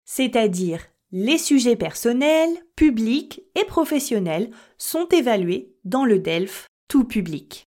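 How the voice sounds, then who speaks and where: A woman hosting a French-learning podcast, explaining things slowly and clearly and putting questions and examples directly to her listeners. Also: a little high, sing-song, darkish tone. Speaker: French teacher and podcast host.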